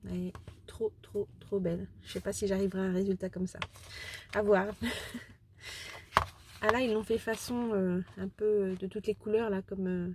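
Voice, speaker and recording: Woman craft vlogger, excitable and self-deprecating, rambling casual delivery, mid pitch, light hiss behind. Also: normal speed, long pauses. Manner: rambling, chatty, with frequent restarts and giggles. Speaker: craft vlogger showing a shopping haul. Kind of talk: casual chat.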